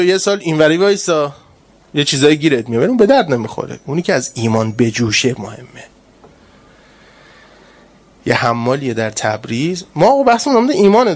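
A man preaching a sermon, telling stories in an animated way and swinging between loud and hushed delivery. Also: on the high side. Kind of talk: sermon with storytelling.

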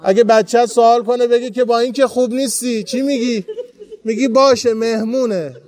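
Earnest high-voiced man preaching to pilgrims. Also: fairly even intonation, a little mellow. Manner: storytelling, earnest and heartfelt. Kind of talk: devotional talk to pilgrims. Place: shrine.

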